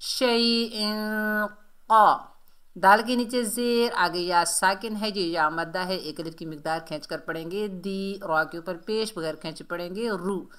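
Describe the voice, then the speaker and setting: A woman's voice: fairly low pitch, normal speed, a bit bright. A woman teaching Quran recitation rules. She explains patiently and corrects common mistakes. She drags out model syllables and repeats them several times. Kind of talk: slow step-by-step recitation lesson.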